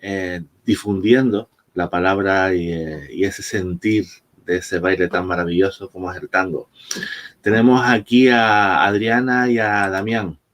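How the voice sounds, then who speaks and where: A man's voice: sits low, fairly even intonation, measured pace, fairly bright tone. A man hosting a casual interview, friendly and joking as he asks his guests questions. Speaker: interview host.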